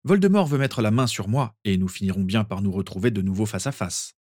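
Harry, a teenage hero who sounds weary and guarded, resigned to what is coming, as a man reads him. The voice is low, with lively pitch, and the sound is dry. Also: brisk, dry recording. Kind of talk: audiobook character reading.

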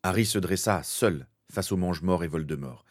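A man narrating a fan fiction story in a steady, dramatic way. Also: low-pitched, normal speed.

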